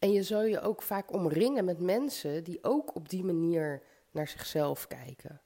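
A lowish, creaky, dark-toned female voice belongs to a podcast host with a slight cold and congested nose. She addresses the listener one-on-one in an encouraging, motivational self-help monologue.

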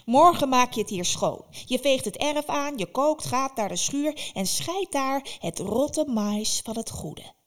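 A woman voicing a cruel old witch who mocks and threatens in slow, drawn-out words. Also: sits high, expressive, voice pushed up. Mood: menacing.

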